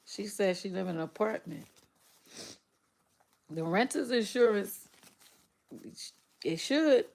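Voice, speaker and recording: A woman's voice: medium pitch, expressive, slow, gravelly, darkish tone. A middle-aged woman, chatting casually with viewers on a livestream, teasing and laughing often. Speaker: livestream host.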